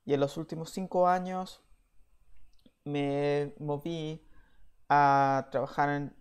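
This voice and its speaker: Gravelly-voiced man giving a talk. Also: fairly high pitch. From Chile. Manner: measured, with frequent "eh" fillers. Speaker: VFX software engineer giving a talk. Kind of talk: slide presentation lecture.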